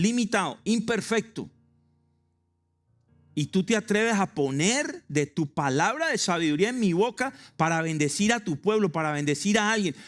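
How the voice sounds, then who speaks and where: A man with a Colombian accent, preaching a sermon in a lively, joking way and acting out stories. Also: high voice. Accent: Colombian Spanish. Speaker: pastor.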